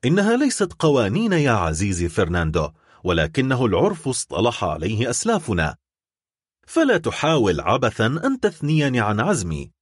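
A calm young woman with a composed, steady manner, as a male narrator puts her on in a storybook reading. The voice sits higher than his own and swings widely in pitch, with a husky edge. It is recorded dry and close. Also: fairly quick, no room sound. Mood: calm firm. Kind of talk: audiobook character voice.

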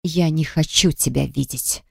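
A woman's voice: fairly low pitch, a little fast, dark tone, no echo, clean studio sound, close to an everyday voice. A woman voicing a proud, hurt young woman who speaks sharply and reproachfully. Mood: cold.

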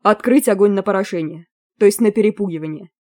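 A woman's voice: medium pitch, fast talker, dark tone, no echo, clean studio sound, close to an everyday voice. A woman reading a curt military commander. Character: grim military commander, adult man.

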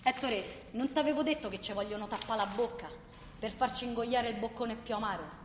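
Playing a defiant, impassioned protester ranting on a train, a woman delivers a lightly acted theatrical monologue. Her slightly high voice is brisk, agitated and pleading, with a Roman Italian accent and insistent, emphatic repetition. The distant recording comes from a big reverberant hall with background noise.

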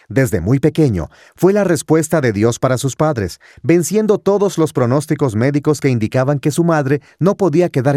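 A man's voice: on the high side, mellow, no echo, studio quality. Man announcing a radio program. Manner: formal, measured announcing. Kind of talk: scripted radio introduction.

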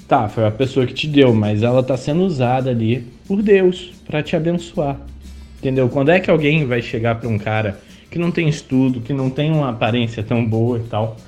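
Mellow-voiced man telling a story. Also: medium pitch, brisk, faint music behind. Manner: chatty, indignant, many fillers. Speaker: podcast host. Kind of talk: casual storytelling monologue.

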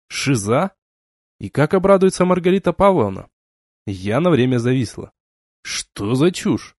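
A man reading a first-person novel aloud as an audiobook, with expressive narration. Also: a little high, no room sound, clean studio sound. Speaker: audiobook reader.

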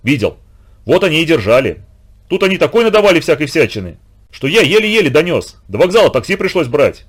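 Brief: man doing a calm, kindly adult guardian, lively and reassuring in a storybook reading. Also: fairly high pitch, brisk, slightly rough, pitched above the performer's own voice. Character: kind, steady grown man leading children.

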